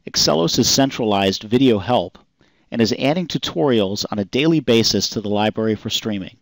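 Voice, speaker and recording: Male voice-over for a product demo: lowish, calm, explanatory, dry close-mic sound. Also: fairly quick, dry recording. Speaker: software demo narrator. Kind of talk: scripted product demo narration.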